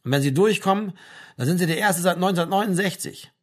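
A man reading a story aloud, voicing a mocking, gruff middle-aged army sergeant in a raised, sarcastic voice. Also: sits high, fast talker, pitched above the performer's own voice. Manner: sarcastic, barking questions.

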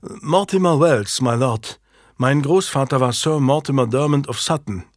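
A man's voice: mid-range voice, normal speed, no room sound, studio quality, close to an everyday voice. A man voicing a hungry, ashamed fourteen-year-old noble boy who speaks formally and humbly in a storybook reading. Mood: pleading.

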